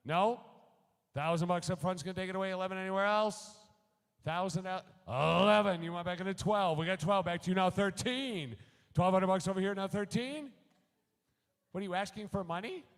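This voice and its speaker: Brief: quick, joking man calling auction bids, slightly high voice, echoing through a big hall. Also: clear, resonant tone. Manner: rapid-fire bid calling, joking with bidders. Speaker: charity auctioneer. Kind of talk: fast auction chant. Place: large hall at a school gala. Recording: long hall reverb.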